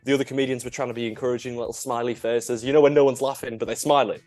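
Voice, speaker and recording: A young man, a comedian telling a funny story in casual chat, animated, laughing often and swearing freely. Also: medium pitch, racing, soft background music. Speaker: comedian guest.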